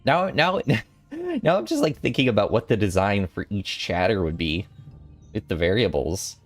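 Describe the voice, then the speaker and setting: A man's voice: on the low side, expressive, normal speed, faint music behind. A young man in his twenties chatting casually with viewers on a stream, rambling and playful with giggly asides. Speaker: VTuber streamer.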